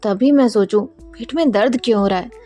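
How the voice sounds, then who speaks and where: A woman's voice: a little high, normal speed, dark tone, soft background music, natural voice. A woman voicing a playful, cheeky young woman who teases her friends. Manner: teasing, joking.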